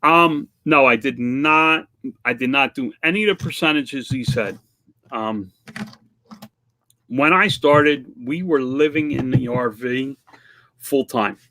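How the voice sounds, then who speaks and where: A vlog host in his fifties talks slowly with long pauses, his mid-range voice pushed and bright. He fields viewer questions casually and conversationally, with a self-deprecating streak.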